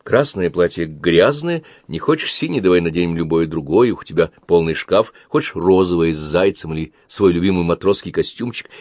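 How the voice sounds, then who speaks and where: A man's voice: low voice, expressive, normal speed, few pauses, a little mellow, dry recording, studio quality. A man reading aloud and voicing an indignant young mother who scolds her husband. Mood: exasperated. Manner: exasperated, scolding.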